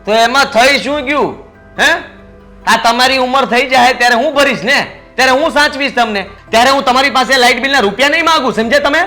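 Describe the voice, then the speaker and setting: Smug lazy young son, bright high voice, sassy comebacks, faint music. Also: male voice, fairly quick. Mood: defiant. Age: young adult. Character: cocky idle young married son.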